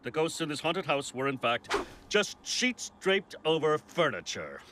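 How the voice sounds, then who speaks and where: A man's voice: a little high, very animated, a little slow, a little hiss or hum. An actor playing a pompous, dismissive male TV mystery host in a cartoon. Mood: showy. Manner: smug, dismissive showman.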